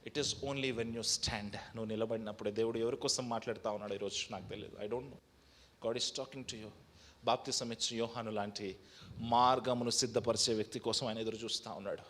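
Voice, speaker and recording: Impassioned, bright-voiced male preacher. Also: steady tone, fairly quick, slight background noise. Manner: impassioned preaching that swings between loud, high exhortation and low, quiet testimony; mixes English phrases into the preaching. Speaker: pastor. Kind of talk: sermon.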